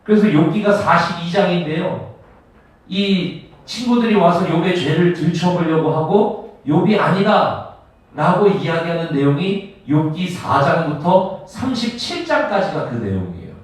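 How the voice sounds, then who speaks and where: A male pastor preaching a sermon with emphatic, dramatic swings between loud and hushed delivery. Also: high voice, expressive, normal speed. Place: church sanctuary. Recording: echoey church hall, mic at a distance.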